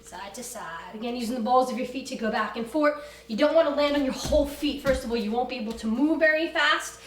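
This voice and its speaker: A woman fitness instructor leading a class with brisk, commanding, motivational cues and countdowns. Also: sits high, a little hiss or hum. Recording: roomy echo, distant from the mic.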